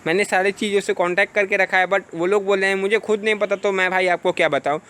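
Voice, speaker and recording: High-voiced man giving earnest advice. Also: fairly even intonation, fast talker, a bit bright, clean tone. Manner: earnest, exhorting, rhetorical questions. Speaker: defence exam coaching teacher. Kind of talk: casual advice vlog to students.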